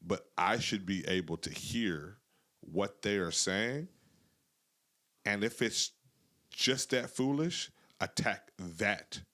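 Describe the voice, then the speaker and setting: Deep-voiced earnest podcast host. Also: male voice, takes it slowly, sharp tone. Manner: earnest, emphatic, agreeing. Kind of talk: casual podcast conversation.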